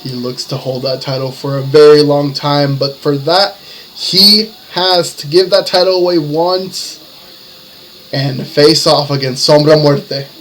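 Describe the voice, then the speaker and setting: A man's voice: on the high side, steady tone, measured pace, a bit bright, slight background noise, low-quality recording. A man working as a lucha libre announcer, calling wrestling play-by-play in short, building phrases. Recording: music behind the commentary. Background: music.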